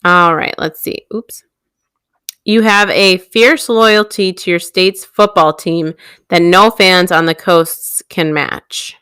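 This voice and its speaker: A woman's voice: lowish voice, steady tone, slow pace, pushed and bright, clear, resonant tone, no room sound. A woman in her thirties co-hosting a casual chat, talking easily and laughing often. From Illinois. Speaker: co-host.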